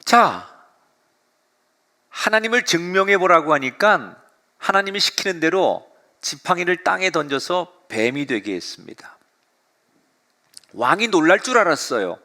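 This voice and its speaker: A middle-aged male pastor preaching a sermon, retelling the story with lively, dramatic delivery. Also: high voice, measured pace, pauses often.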